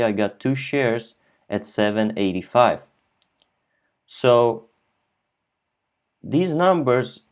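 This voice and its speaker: Low-voiced young man talking through his investment plan. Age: 20s. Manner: thinking aloud with frequent fillers and restarts. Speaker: finance channel host. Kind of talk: casual explainer over a screen share.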